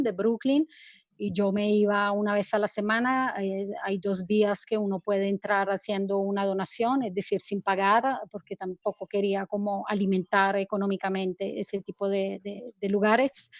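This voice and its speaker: A woman from Italy, a native Italian speaker, answering as the guest in an online talk, with many repeated words and pauses to check "¿sí?". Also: mid-range voice, no echo, studio quality. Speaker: guest photographer.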